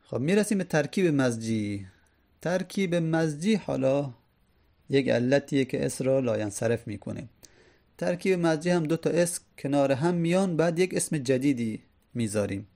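A man teaching a grammar lesson, explaining patiently and repeating each example slowly. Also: a little high, animated, creaky, dark tone.

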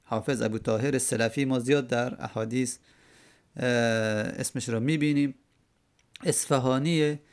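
Smooth and mid-range, this religious teacher's voice keeps a fairly even intonation. He delivers a classroom lecture explaining a hadith text, going through a quoted Arabic verse word by word and repeating its key terms.

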